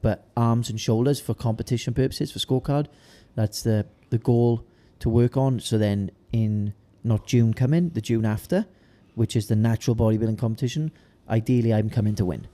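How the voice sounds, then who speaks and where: With a fairly low, mellow voice, a young South Wales valleys man, a podcast co-host and amateur bodybuilder, chats casually and tells anecdotes. He has a Welsh Valleys accent and a laddish, colloquial way of talking.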